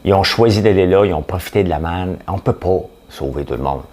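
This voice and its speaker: A man's voice: deep voice, a little fast, darkish tone. A man with a Quebec French accent hosting a podcast, talking bluntly in a casual opinion monologue full of jokes and rhetorical questions. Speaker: podcast host.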